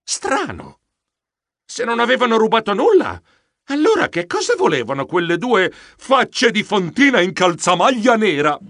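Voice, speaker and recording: A man narrating a children's audiobook in the first person, playful and theatrical, with comic shouts and sound effects. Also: sits high, big pitch swings, moderate pace, dry recording.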